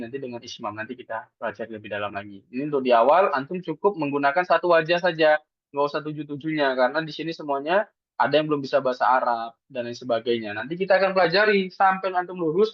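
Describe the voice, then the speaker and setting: A man's voice: mid-range voice, no echo. A man teaching Quran recitation in an online lesson, explaining patiently step by step and asking and answering his own questions. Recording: dull dry lo-fi sound.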